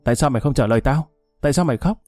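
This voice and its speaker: Man reading as a young man in grief and fury, bitter and shouting, mellow dark voice, dry close sound, story reading. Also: mid-range voice, racing, dry recording, soft background music, lightly acted. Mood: demanding. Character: young man, grief-stricken and violently enraged.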